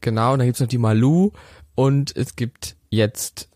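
A man's voice: mid-range voice, unhurried, darkish tone, no room sound, clean studio sound. A man in his late twenties co-hosting a casual podcast over a remote call, rambling with many fillers and restarts. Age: late 20s. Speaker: podcast co-host. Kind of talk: casual chat. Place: holiday house. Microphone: remote call with a shaky connection.

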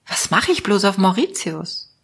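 Slow, husky Austrian woman musing aloud. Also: mid-range voice, very animated. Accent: Austrian German. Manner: playful, musing aloud, switching between options. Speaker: vlogger and network marketing coach. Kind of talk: casual monologue to camera.

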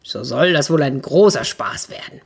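A woman's voice: very deep voice, expressive, normal speed, vocal fry, breathy edge, exaggerated voice. A woman voicing a good-natured donkey in a children's story, cheery and persuasive. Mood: encouraging.

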